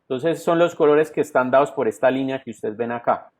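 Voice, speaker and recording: A man with a Colombian Spanish accent teaches an online class from home or an office, walking students through each step and checking in with them often. His mid-range voice moves a little fast, full of "entonces" and quick "¿sí?" checks. The video-call computer mic gives it a dull, lo-fi online-class sound.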